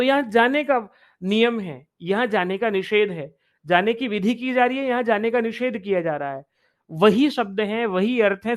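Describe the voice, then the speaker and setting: A man teaching Sanskrit in an online exam-prep lecture. He explains step by step, repeats phrases and chants Sanskrit verses. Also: high-pitched.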